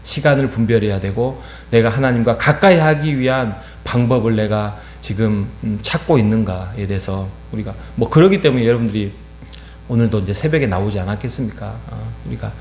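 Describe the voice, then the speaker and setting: A man's voice: medium pitch, a little mellow. A middle-aged man preaching an early-morning sermon in a church, earnest, with many fillers and rhetorical questions. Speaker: pastor. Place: church sanctuary. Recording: roomy church sound with faint hum.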